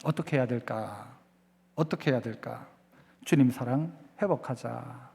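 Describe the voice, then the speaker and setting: A man's voice: mid-range voice, measured pace, gravelly, mellow, breathy edge, long reverb tail. A man preaching a Sunday sermon as pastor, asking the congregation questions and having them repeat lines after him.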